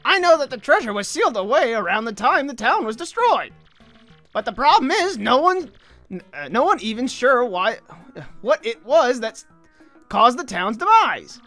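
Woman voicing a quirky scientist professor, bright tone, lively melody, reads lines aloud with slips. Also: fairly high pitch, moderate pace, no room sound, soft background music, voice pushed up. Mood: lecturing. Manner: reads game dialogue aloud, stumbling over words. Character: eccentric male scientist professor.

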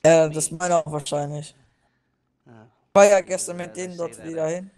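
A man in a casual online gaming chat, his voice fairly high for a man. He swears playfully and pushes back at his friends' teasing over his headset. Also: fairly even intonation, moderate pace, darkish tone. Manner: cursing, playfully defensive. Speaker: player in the group.

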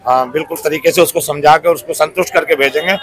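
A man in his fifties, the head of a fish market, talks earnestly and promotionally in a somewhat high voice. He is recorded outdoors at a busy street market, speaking into a small handheld mic held near his mouth. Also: steady tone, fast talker, low-quality recording. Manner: earnest, promotional, lists items in a raised voice. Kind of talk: street interview. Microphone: handheld lapel mic held up to mouth.

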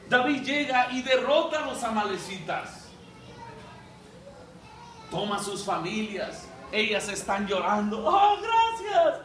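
A man's voice: high-pitched, fairly bright tone, slight background noise. A man preaching a sermon as a dramatic storyteller, acting out voices and calling for amens. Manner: dramatic storyteller, acts out quotes, calls for amens. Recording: echoey hall, mic at a distance.

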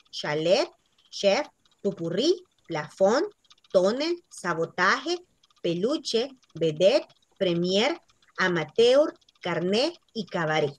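A woman teaching a French class over a video call, speaking at an unhurried, measured pace. She repeats words several times to model how they should sound, and her voice sits at an ordinary middle pitch. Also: dry recording. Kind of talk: online class lesson.

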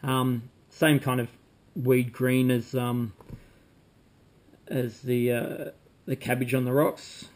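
A man, calmly demonstrating fly tying at a desk at home, talking while he works with frequent ums. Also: mid-range voice, slow pace, pauses often. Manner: relaxed, talks while working, frequent ums. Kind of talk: casual demonstration. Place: home room with bookshelves, indoors.

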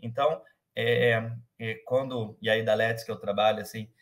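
A man in his thirties from Rio de Janeiro, a company manager, is a guest in a casual interview, his carioca accent worn down by years in São Paulo. His voice sits on the low side with a steady tone, yet he explains things loosely, pausing with fillers and restarting sentences. He's indoors at home, heard through a webcam or laptop mic on a video call.

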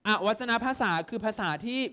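A young man from Thailand tutoring students for an exam, lively and constantly checking that they understand. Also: brisk. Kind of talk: exam prep lesson to students.

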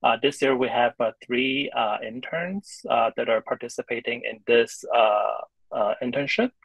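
A man hosting a video-call showcase, introducing the presenters with halting speech full of fillers. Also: medium pitch, vocal fry, slightly rough, no echo, poor audio. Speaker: host.

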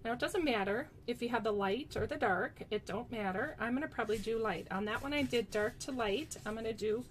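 A woman's voice: on the high side, a little fast, a little hiss or hum. Chatty woman demonstrating a craft. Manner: chatty, giggly, talks to viewers as "you guys". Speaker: card-making demonstrator. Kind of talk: casual craft tutorial.

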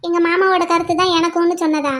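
A woman's voice: extremely high pitch, level tone, fast, a bit bright. A woman voicing a bold, outspoken young woman law student in a cartoon, arguing firmly point by point. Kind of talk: cartoon voice acting.

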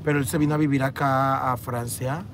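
A woman's voice: extremely low pitch, steady tone, brisk, a little hiss or hum. A woman with a Mexican accent hosting a casual livestream, reading comments aloud in a teasing, crude way from a moving vehicle. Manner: teasing, crude, quotes others in a raised voice. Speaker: livestream host.

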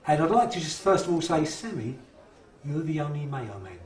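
A middle-aged man presents a TV interview in a casual way. His voice sits a little high, and the room rings noticeably around him. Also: very animated, fairly quick. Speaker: TV host. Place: indoor lounge, seated group. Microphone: lapel. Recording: echoey room, distant from mic.

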